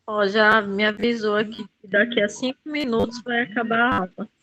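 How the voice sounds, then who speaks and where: A woman's voice: mid-range voice, fairly even intonation, moderate pace, sharp tone, rough recording. An adult woman student answering her teacher hesitantly during an online class. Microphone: video call.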